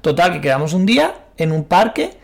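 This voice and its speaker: A young man from Spain with a Spanish accent, telling an animated anecdote as a guest in a casual chat, acting out the voices of the people he quotes and swearing casually. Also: high-pitched, fairly quick, vocal fry.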